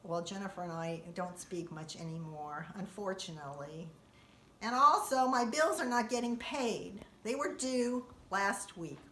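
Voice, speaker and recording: A woman telling a comic monologue about her daily life, acting out quoted lines in a sudden high, loud voice. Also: measured pace, far from the mic, a little hiss or hum. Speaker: comedian. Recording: echoey room.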